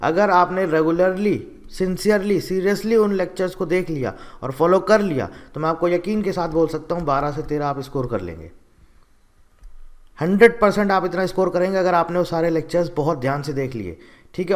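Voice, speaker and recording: A young man giving an exam strategy lecture as a coaching teacher, direct and instructive, talking straight to his students. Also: on the high side.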